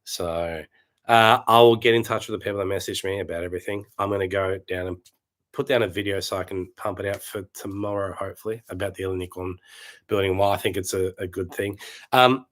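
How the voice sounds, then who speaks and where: A man in his late thirties, going hoarse as he chats casually to camera, rambling and repeating himself. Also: deep voice, steady tone, fairly quick, fairly bright tone. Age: late 30s. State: losing his voice. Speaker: property vlogger.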